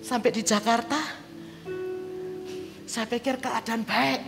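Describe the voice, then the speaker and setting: A woman's voice: a little high, fairly even intonation, slow pace, gravelly. A woman evangelist preaching a sermon with a personal testimony, telling her story vividly and acting out the dialogue. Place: large church hall. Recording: church hall reverb with background music.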